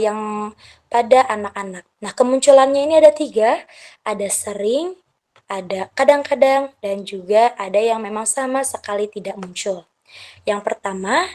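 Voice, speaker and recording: A woman's voice: on the high side, a little mellow. A woman teacher, methodically walking parents through a numbered checklist in a lecture.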